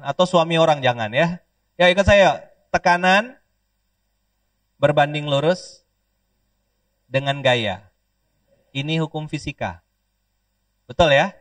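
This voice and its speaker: A man's voice: on the high side, no echo. Joking male preacher from Pontianak. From Pontianak, Indonesia. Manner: joking, call-and-response with the crowd. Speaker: Islamic preacher. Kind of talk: lively sermon to an audience. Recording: dry, distant mic.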